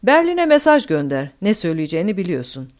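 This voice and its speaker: A woman voicing a cold, ruthless woman who gives crisp commands, in an audiobook. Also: fairly low pitch, sing-song, quick pace, a little mellow. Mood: commanding.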